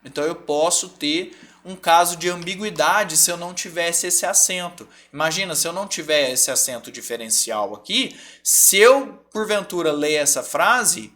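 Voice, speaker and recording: A male teacher speaks with a Brazilian Portuguese accent. He explains a grammar point in a recorded lesson, stops often to ask "tá?" or "beleza?", and says each example word slowly and clearly. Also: fairly high pitch, expressive, bright, forceful tone.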